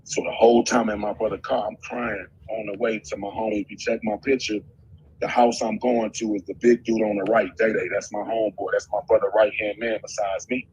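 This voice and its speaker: A man's voice: lowish voice, steady tone, fairly quick, a little mellow. Intense, swearing middle-aged man storyteller. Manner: intense, emotional, heavy swearing. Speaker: guest telling a personal story. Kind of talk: raw personal storytelling. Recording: muffled with faint background noise.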